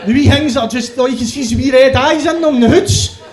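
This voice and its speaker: High-voiced sweary Glaswegian comic. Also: male voice, a little fast, darkish tone. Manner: rowdy, sweary, laughing through the telling. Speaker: stand-up comedian. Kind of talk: stand-up storytelling.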